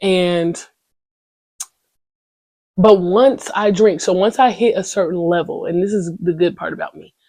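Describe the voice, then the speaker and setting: A young woman hosts her own podcast, talking solo in a casual, candid way. Her lowish, warm voice moves a little slowly with frequent pauses, and her rambling, slangy chat is full of "you know what I'm saying." The recording is dry.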